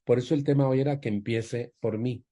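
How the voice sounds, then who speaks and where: Dark-voiced man telling a story. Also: fairly even intonation, brisk. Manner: acts out quoted family members with raised pitch. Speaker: speaker at a support group. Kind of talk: storytelling counsel to an audience member.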